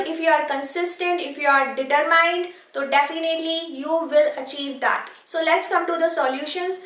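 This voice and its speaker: A high-pitched woman with a bright, forceful voice gives earnest, encouraging fitness advice to camera, slipping often into English phrases. She sounds set back from the mic in an echoey room. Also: recorded from a distance. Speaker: fitness vlogger. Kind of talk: instructional fitness talk to camera.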